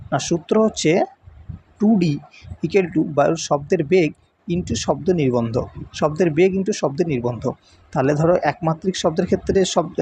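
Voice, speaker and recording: A man's voice: fairly high pitch, mellow, a little hiss or hum. A man explaining a science lesson, patient and repetitive, checking in often with his listeners. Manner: patient, repeats points with frequent check-ins. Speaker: teacher. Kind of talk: classroom explanation.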